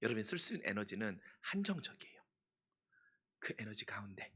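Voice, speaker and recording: A man preaching a sermon as pastor, putting questions to the congregation and answering them himself, moving from hushed asides to loud impassioned pleading. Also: fairly low pitch.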